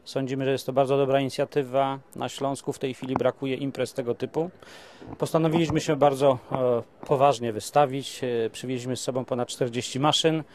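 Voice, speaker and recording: A middle-aged man with a mid-range voice who speaks in a measured way with occasional fillers. He is interviewed outdoors among machinery at a trade fair, holding a handheld mic. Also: mid-range voice, level tone, a little mellow, slight background noise. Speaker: company representative. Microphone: handheld reporter mic.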